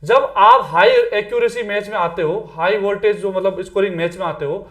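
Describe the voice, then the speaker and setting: A man with a fairly high voice gives a casual coaching lecture to exam candidates. He talks in a loose, conversational way, mixing English terms into his speech and checking in with "theek hai" as he goes. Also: moderate pace, fairly bright tone. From Rajasthan, India. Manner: chatty, repeats "theek hai", mixes English words.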